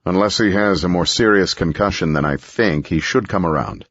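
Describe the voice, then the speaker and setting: A calm, controlled middle-aged scientist, voiced by a male narrator, hurt but steady. He murmurs low and measured, in a deep, husky voice. The lo-fi recording sounds dull. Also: no room sound, exaggerated voice.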